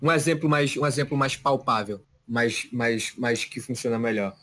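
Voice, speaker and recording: A man's voice: medium pitch, moderate pace, fairly bright tone. A young man in casual chat, rambling and slangy, often stopping and restarting his sentences.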